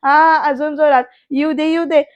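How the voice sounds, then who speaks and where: Woman voicing a mocking young man, coaxing, repetitive cheering, high voice, even tone. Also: moderate pace, no echo, dull audio, close to an everyday voice. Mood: teasing.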